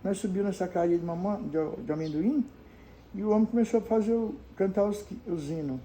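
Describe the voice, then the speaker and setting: In a mellow, medium-pitched voice at a fairly quick pace, an older Brazilian woman tells homely, casual childhood stories for viewers, playing the parts of the people involved. The audio is poor, with a little hiss or hum.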